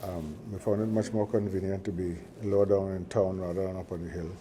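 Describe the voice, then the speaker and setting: Over a noisy background, an older man with a Trinidadian accent, the university chairman, delivers a ceremonial speech at a signing ceremony. His voice is low, level in tone and brisk, yet he jokes and chats, rambling into anecdotes with plenty of fillers and restarts.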